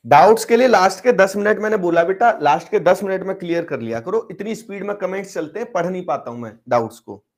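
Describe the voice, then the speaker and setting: Coaxing male math teacher, slightly high voice. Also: expressive, quick pace, hardly any pauses. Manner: coaxing, quizzing students, switching between Hindi and English terms. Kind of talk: live online math class.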